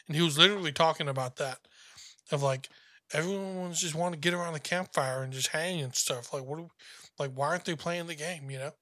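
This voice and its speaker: A man hosting a podcast, chatty and animated, acting out what people said as he tells a story. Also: on the high side, no room sound, clean studio sound. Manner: chatty storyteller, acts out quotes. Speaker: podcast host. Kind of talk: casual gaming chat.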